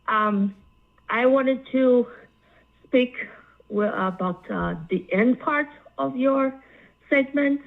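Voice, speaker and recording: Slow, gravelly woman caller on a phone line. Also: sits high. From Zambia. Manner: slow, earnest, halting with fillers. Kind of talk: call-in talk.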